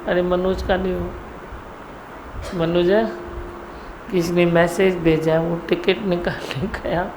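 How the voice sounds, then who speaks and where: A middle-aged woman guru giving a satsang talk to devotees, teasing and scolding them. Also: on the low side. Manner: scolding, teasing, slow and gravelly. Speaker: spiritual guru leading satsang. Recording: faint background noise.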